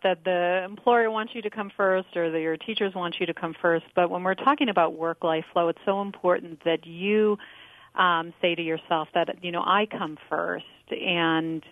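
A woman from Chicago, a guest expert on a radio show, giving advice in a calm, measured way with soft fillers. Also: fairly low pitch, dry recording. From Chicago, USA. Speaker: guest expert, medical school faculty. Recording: tinny phone line, dry.

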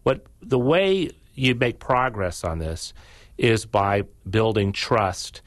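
A man with a low voice answers a caller's question as a radio guest. He thinks aloud and stumbles over repeated words as he restarts. His voice sounds dry and close. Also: sing-song, takes it slowly, dry recording. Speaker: guest journalist.

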